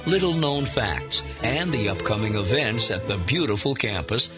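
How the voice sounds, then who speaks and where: Lively announcer over music. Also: male voice, on the low side, normal speed. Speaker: show announcer. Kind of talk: scripted radio intro.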